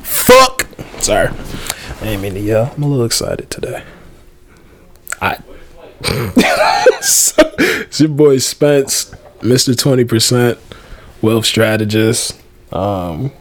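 A young man co-hosting a casual podcast chat, excitable and laughing often. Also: lowish voice, slow, pauses often. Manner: excitable, laughing, loud outbursts. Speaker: podcast co-host.

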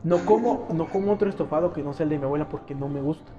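A man's voice: on the high side, very fast, dull audio. A young man with a Mexican accent, hosting a slangy casual podcast chat and steering it with questions. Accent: Mexican Spanish. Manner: slangy, asks leading questions, frequent restarts. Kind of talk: casual chat among friends.

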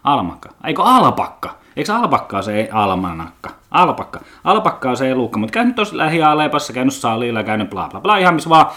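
A man's voice: medium pitch, very animated, few pauses, pushed and bright. A man with a Finnish accent hosting a podcast, rambling casually in a blunt, joking way, swearing often and tripping over his words. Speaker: podcast host.

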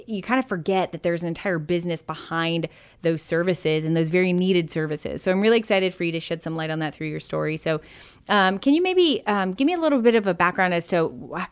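A woman's voice: fairly low pitch, clean tone. A North American woman hosting a podcast in an informal, effusive and emphatic conversational way. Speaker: podcast host.

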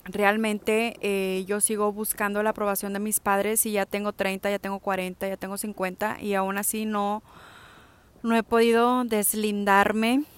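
A woman gives a reflective self-help talk in a smooth, clear voice at a middling pitch. She addresses the listener directly and often pauses or restarts her phrases. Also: level tone.

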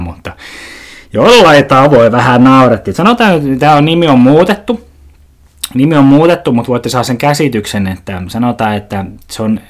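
A man hosting a podcast alone, rambling and sarcastic, swearing and leaping into a mock-indignant high voice. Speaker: podcast host. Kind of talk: casual comedic monologue.

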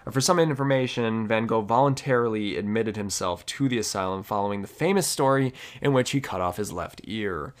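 Halting young man explaining paintings. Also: fairly low pitch. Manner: hesitant, many fillers and restarts, self-correcting pronunciations. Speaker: art history presenter. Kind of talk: casual educational narration.

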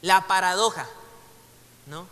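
A man's voice: high voice, slow, bright, forceful tone. A man with a Mexican Spanish accent giving a casual Bible lesson to a class. He talks conversationally, makes joking asides and reads passages aloud. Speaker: Bible teacher. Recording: long hall reverb.

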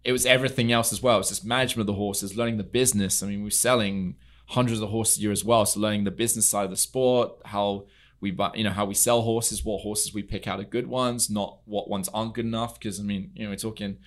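Speaking quickly in a lowish voice with fairly even intonation, a young man from England appears as a guest in a studio podcast. He runs an equestrian business and chats casually, earnest and story-driven, with many fillers.

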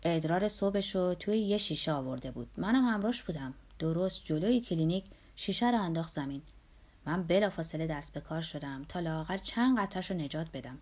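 A woman reading the lines of an anxious, desperate male musician in an audiobook, hurried and pleading. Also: fairly low pitch, lively intonation, a little mellow.

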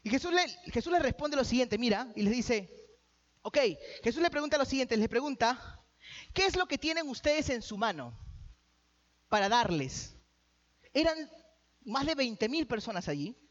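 A man preaches a lively sermon, joking with the congregation and calling out to them. The recording is dull and lo-fi. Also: very high voice, normal speed, pauses often. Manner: calls out to the audience. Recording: dull lo-fi sound.

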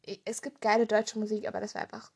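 A woman's voice: medium pitch, little pitch movement, fast talker, vocal fry, breathy edge. A young woman co-hosting a casual podcast, answering with giggly, bubbly reactions. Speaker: podcast co-host. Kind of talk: casual chat.

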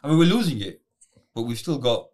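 A middle-aged man from Bradford chatting as a podcast guest. He teases the others with dry, deadpan jokes, and his pitch swings widely as he talks. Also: fairly quick. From Bradford, England. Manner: joking, dry teasing. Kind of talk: casual banter.

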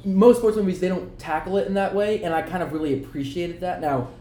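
A man's voice: sits high, a little fast, warm tone, echoey room, slight background noise. A man chatting casually about movies, jokey and rambling, often restarting his sentences. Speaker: podcast co-host. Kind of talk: casual chat.

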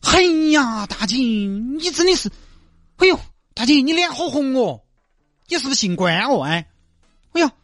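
A man's voice: extremely high pitch, very animated, normal speed, pauses often, fairly bright tone, dry recording, studio quality, pitched above the performer's own voice, full character voice. A man voicing a kindly, fussing middle-aged bus driver with a Sichuanese accent who coaxes and chatters. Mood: coaxing.

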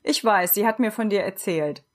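A woman voicing a gentle old woodcarver. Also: mid-range voice, natural voice. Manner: gentle, slow, reassuring. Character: big gentle bearded old woodcarver, kind.

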